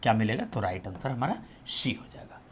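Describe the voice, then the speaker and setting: A man's voice: on the low side, big pitch swings, a little fast, slightly rough. A man with a Bihari Hindi accent teaching an exam-prep lesson. He quizzes his students, repeats the answers back to them as questions, and drops almost to a whisper on the answers.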